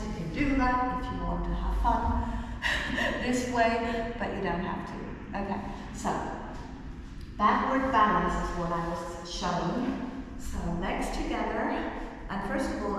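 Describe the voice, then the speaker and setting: A woman leading a guided stretching class with meditative cues, speaking in a gentle, reassuring and unhurried way. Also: medium pitch. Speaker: movement and stretching instructor. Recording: very echoey reverberant room, distant, faint noise.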